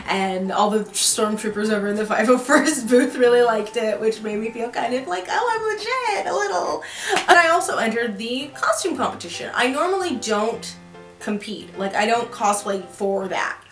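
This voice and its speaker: A woman's voice: a little high, lively intonation, moderate pace, fairly bright tone, faint music behind. A young woman vlogging from her apartment in a casual, rambling chat, full of fillers and restarts. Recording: roomy echo.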